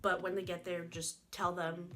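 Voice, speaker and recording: A woman voicing a calm female emergency dispatcher who explains procedure in a reassuring way. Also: fairly low pitch, moderate pace, music in the background, voice pushed down, natural voice.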